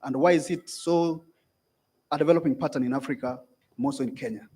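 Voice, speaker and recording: A man speaks up from the audience at a panel forum. He questions the panel with pointed skepticism. His voice sits fairly high for a man. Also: a little fast, darkish tone, slightly rough. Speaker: audience member asking a question.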